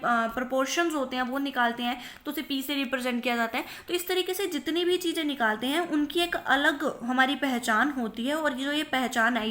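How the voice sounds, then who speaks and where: A young woman with an Indian accent lectures as a commerce teacher in a high, bright voice. She poses questions to her viewers and answers them herself, repeating key terms. She slips English technical words into her Hindi explanations. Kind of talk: recorded lecture.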